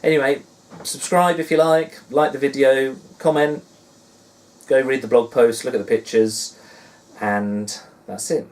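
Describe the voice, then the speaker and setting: A man's voice: mid-range voice, fairly even intonation, unhurried, a little mellow. Suffolk man vlogging from off the mic. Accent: Suffolk English. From Suffolk, England. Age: 40s. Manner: self-deprecating, musing. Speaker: dad blogger and vlogger. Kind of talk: casual rambling vlog chat. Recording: distant mic with faint background noise.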